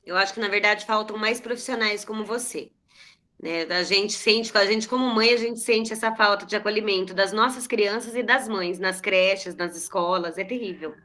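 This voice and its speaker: A woman's voice: medium pitch, normal speed, sharp tone. A woman who is a mother, speaking earnestly and passionately in a casual online church discussion. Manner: earnest, passionate about children's rights. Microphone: video call.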